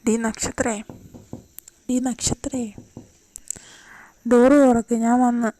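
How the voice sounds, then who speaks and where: A woman's voice: a little high, little pitch movement, takes it slowly, mellow. A woman voicing a bossy man hunting a runaway girl, barking orders harshly, in an amateur fan audio drama. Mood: angry.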